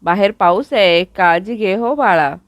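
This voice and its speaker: A woman's voice: mid-range voice, measured pace, dry recording, studio quality, natural voice. A woman voicing a fussy, sarcastic mother-in-law in a TV serial recap, reading her scolding lines in her own voice.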